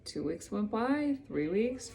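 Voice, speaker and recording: A woman's voice: mid-range voice, sing-song, takes it slowly, gravelly, dark tone, slight background noise. A woman in her thirties telling her own story to camera in a casual, candid way, acting out what people said. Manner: chatty, candid, quotes people in little acted bits. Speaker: vlogger sharing her melanoma story.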